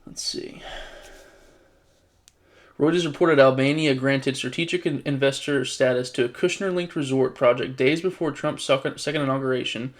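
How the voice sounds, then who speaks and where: A man's voice: medium pitch, normal speed. Exasperated male political commentator. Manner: exasperated and sarcastic, frequent restarts. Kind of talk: casual political commentary reading news items.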